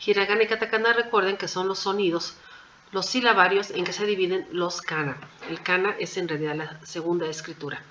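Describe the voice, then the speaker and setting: A woman's voice: on the low side, steady tone, brisk, a bit bright, dull audio, slight background noise. A woman teaching a language class, going through exam answers point by point in a patient, methodical way and often checking in with the class.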